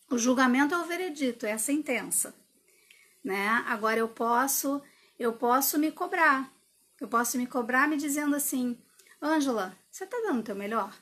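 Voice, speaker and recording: A woman's voice: high-pitched, a bit bright, breathy edge. A woman coach giving a casual live talk. She explains with rhetorical questions and tag questions, and acts out her own inner dialogue. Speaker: personal development coach. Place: indoor room with a window.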